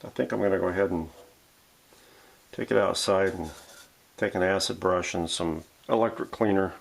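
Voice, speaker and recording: In his home workshop, a vintage radio restorer hosts a video, talking casually through each step as he works and muttering his thoughts aloud. His voice is low and creaky, and he keeps a moderate pace.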